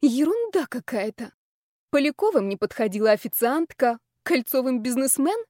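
A woman narrating a romantic novel in the first person with lively storytelling. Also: sits high, normal speed, no room sound, clean studio sound. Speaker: audiobook reader. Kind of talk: audiobook narration.

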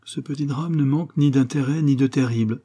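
A cynical young bandit, coaxing one moment and coldly mocking the next, as a male audiobook reader puts him on. The voice is pitched a little higher than the reader's own, with a dark, husky grain. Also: a little fast, natural voice.

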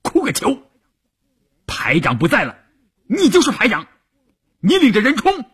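A man doing a gruff, cursing company commander. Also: very high voice, wildly swooping pitch, unhurried, fairly bright tone, pitched above the performer's own voice, exaggerated voice.

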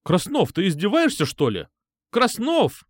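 Man voicing a stern woman teacher, scolding, raised pitch, exasperated. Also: wildly swooping pitch, measured pace, no room sound, studio quality, exaggerated voice. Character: stern, flustered woman schoolteacher.

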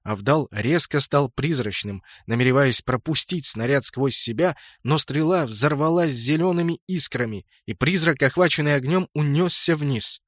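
A man narrating a fantasy audiobook in a steady, measured storytelling voice. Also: mid-range voice, no echo, clean studio sound. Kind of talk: scripted narration.

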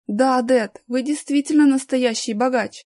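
A bold young boy from a storybook, loud and indignant, his lines pitched high, as a woman reader puts him on. He talks in excited, shouted outbursts. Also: unhurried. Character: boy, bold, cheeky, then frightened.

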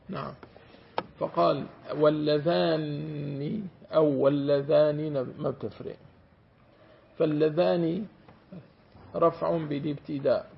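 A man's voice: a little high, gravelly. A man, a sheikh teaching a class on Quranic commentary, who stretches out words to demonstrate them and checks that his students follow. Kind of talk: classroom lecture on grammar. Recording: dull lo-fi recording with faint hiss.

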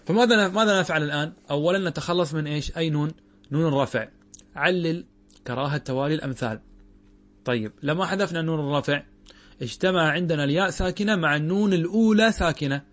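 Male sheikh teaching a classroom grammar lesson. Slightly high voice, methodical, drawls out example words. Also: fast talker. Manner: explains step by step, asks and answers his own questions.

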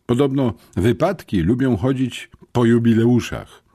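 A man's voice: medium pitch, unhurried, dark tone, breathy edge, voice pushed up. A man reading an audiobook voices an eager, upbeat teenage boy detective.

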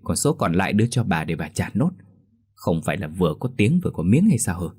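A man's voice: low-pitched, sing-song, fast talker, darkish tone, husky, exaggerated voice. A man voicing a stingy, bad-tempered middle-aged village man who grumbles and scolds. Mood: scheming.

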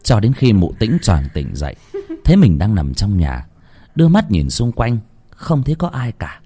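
A man reads a ghost story aloud with expressive drama. His pitch moves widely through each line, keeping the tale animated. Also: moderate pace.

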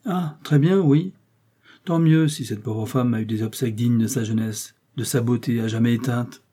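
A naive, loyal working-class fellow, read by a man chatters eagerly and takes fright easily. The voice is husky and warm, and the part is told as an audiobook. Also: medium pitch, moderate pace, natural voice. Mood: chattering. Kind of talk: audiobook character reading.

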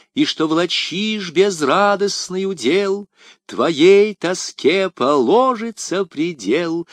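Reader plays a polite, self-satisfied young cleric, pious and precise. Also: male voice, high-pitched, no room sound, clean studio sound, pitched above the performer's own voice, heavily acted. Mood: reciting verse. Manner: courteous, with a hint of irritation and piety.

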